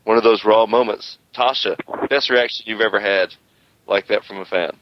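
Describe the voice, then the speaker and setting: A man's voice: fairly low pitch, normal speed, no room sound. A man hosting a wrestling radio show, telling stories in a boastful, rambling way. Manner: animated, boastful, rambling storyteller. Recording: slightly dull radio audio.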